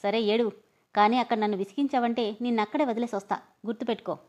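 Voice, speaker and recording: A gruff young man brushes off a companion in short, dismissive lines in an audio story. He teases more than he comforts. A woman reads him in a fairly high voice. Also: steady tone, fast, a little mellow, lightly acted. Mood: curt. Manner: curt and dismissive.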